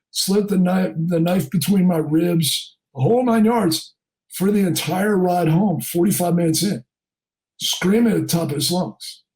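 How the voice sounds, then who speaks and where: A middle-aged charter fishing captain from New Jersey tells a story in a podcast interview and acts out the people in it. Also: male voice, high-pitched, darkish tone. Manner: acts out quoted people in raised voices.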